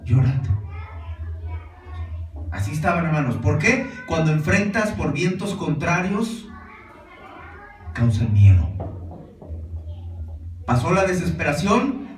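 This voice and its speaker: A man's voice: fairly high pitch, expressive, measured pace, long pauses, slight background noise. A man preaching a sermon, speaking conversationally and often questioning his congregation and calling them brothers. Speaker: pastor. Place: church hall. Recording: roomy echo, distant mic, music behind.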